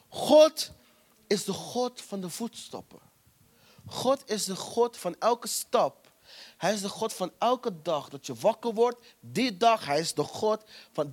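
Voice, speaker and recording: A man preaching a sermon, emphatic and repetitive, retelling scripture with quoted voices. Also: sits high.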